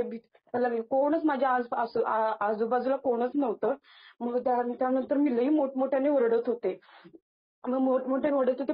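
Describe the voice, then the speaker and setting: A young adult woman, a guest, tells a personal devotional experience in casual speech, halting often with false starts and restarts. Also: a little high. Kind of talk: casual spoken testimony. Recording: tinny phone-line sound.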